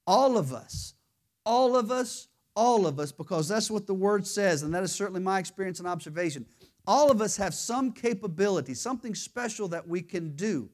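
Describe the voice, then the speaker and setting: A woman's voice: mid-range voice, expressive, normal speed, a little mellow. A woman teaching a church lesson in a conversational way, often restarting and repeating words, and quizzing her listeners. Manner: quizzes the audience with questions. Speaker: Bible study teacher.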